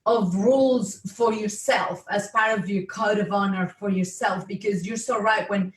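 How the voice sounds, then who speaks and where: A lively woman on an online webinar, telling a story and then asking the guest a question. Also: medium pitch, moderate pace. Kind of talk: webinar chat. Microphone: video call. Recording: echoey room, distant mic.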